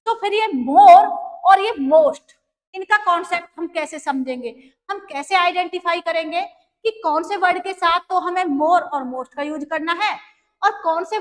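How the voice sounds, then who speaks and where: A woman's voice: very high voice, measured pace, sharp tone. A woman teaching an English grammar lesson, explaining patiently and repeating key terms.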